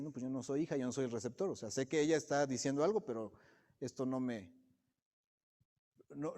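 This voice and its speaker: A man delivers a sermon to his congregation in a fairly high but mellow voice. He keeps turning to the people with direct questions. The church hall adds a long, ringing reverb behind his words. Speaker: preacher. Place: church sanctuary.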